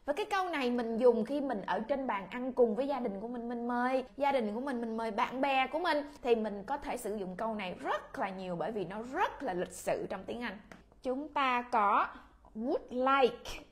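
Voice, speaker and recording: A woman with a Vietnamese accent leads a children's English class, her voice pitched high. She speaks patiently and repeats each word so the children can read along after her. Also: expressive, fairly quick. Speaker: English teacher.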